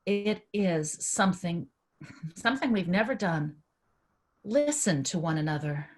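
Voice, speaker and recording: A woman's voice: lowish voice, animated, measured pace, darkish tone, soft background music. A woman reading the part of a devoted sister, speaking earnestly and with emotion in a staged play reading. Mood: tender. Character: caring adult sister, anxious and tender.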